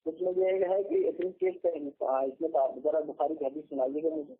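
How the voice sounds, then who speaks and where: Brief: husky, fairly high-voiced male debater who keeps interrupting, tinny phone line. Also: a little fast. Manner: insistent, interrupting. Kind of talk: heated religious debate.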